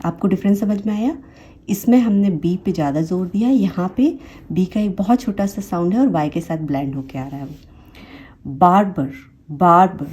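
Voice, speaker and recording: Woman teaching English phonics, dark voice. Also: lowish voice, expressive, fairly quick, husky. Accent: Indian English. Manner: repeats each example word twice, explains patiently. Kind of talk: phonics lesson.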